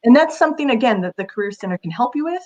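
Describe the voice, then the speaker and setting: A woman's voice: a little high, lively intonation, rapid-fire, darkish tone, muffled recording. A woman career counselor giving casual advice in an interview, talking in a chatty way with many fillers.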